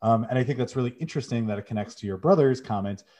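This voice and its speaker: A man's voice: medium pitch, rapid-fire, mellow. A young man co-hosting a podcast, chatting with enthusiasm as he retells a game's plot with frequent "um"s. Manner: enthusiastic, many "um"s, summarizes plot. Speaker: podcast co-host. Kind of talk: casual podcast chat.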